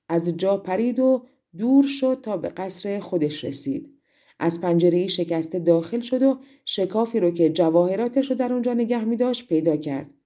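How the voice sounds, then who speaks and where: Mellow-voiced woman reading fairy tales. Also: fairly low pitch. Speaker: audiobook reader. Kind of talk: storybook narration.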